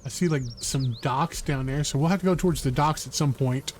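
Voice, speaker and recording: A man's voice: mid-range voice, fairly quick, a little mellow, a little hiss or hum. A man streaming a video game, chatting casually and making wry remarks as he explores. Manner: chatty, wry, thinks aloud. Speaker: gaming streamer. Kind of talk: casual let's-play commentary.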